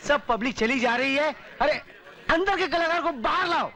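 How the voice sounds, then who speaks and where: Bossy film director. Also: male voice, extremely high pitch, expressive, pushed and bright, exaggerated voice. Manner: brisk, bossy. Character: impatient film director on set.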